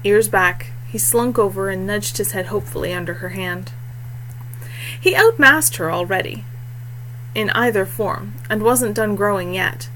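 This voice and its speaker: A woman in her thirties with a mid-range, slightly bright voice reads her own fiction aloud at a measured pace. Her delivery is expressive, like an audiobook. It's a noisy home webcam recording with hum, captured at webcam distance in a small room.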